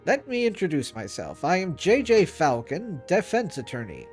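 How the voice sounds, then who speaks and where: Smug falcon lawyer guy from a game, streamer reading it, pompous, highish. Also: huge pitch swings, normal speed, faint music behind. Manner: pompous, condescending. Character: male falcon defense attorney, pompous.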